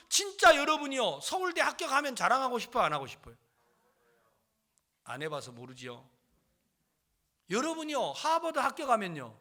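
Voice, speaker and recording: A middle-aged man preaching a sermon as pastor, telling stories and acting out the voices of people in them. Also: very high voice. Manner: animated storytelling, acts out dialogue with his mother.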